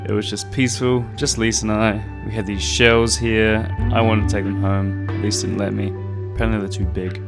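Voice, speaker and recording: Laid-back young man with loud music behind. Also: lowish voice, flat delivery, fairly quick, creaky. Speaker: travel vlogger. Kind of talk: casual travel vlog voice-over.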